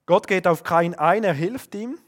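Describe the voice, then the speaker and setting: Man preaching, voice slightly high. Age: adult, father of young children. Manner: swings between loud emphasis and hushed, slow lines. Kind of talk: sermon.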